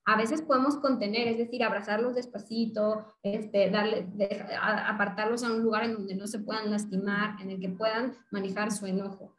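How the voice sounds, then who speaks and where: A woman psychologist, explaining calmly and didactically in an interview and acting out examples. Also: mid-range voice, normal speed, hardly any pauses. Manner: calm, didactic, acts out examples. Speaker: psychologist guest. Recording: roomy echo.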